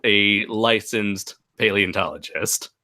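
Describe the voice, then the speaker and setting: A man hosting a casual livestream panel chat over a video call, joking and pausing to look at his notes. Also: fairly low pitch, bright, forceful tone. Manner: joking, pauses with "let's see". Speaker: livestream host.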